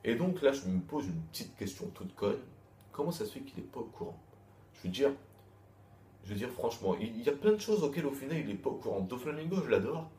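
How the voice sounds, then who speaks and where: Reviewing a manga chapter, this man talks fast in a mellow, mid-range voice with big swings in pitch. His delivery is casual and repetitive, full of crude slang and constant restarts, recorded in an echoey room with a little background noise.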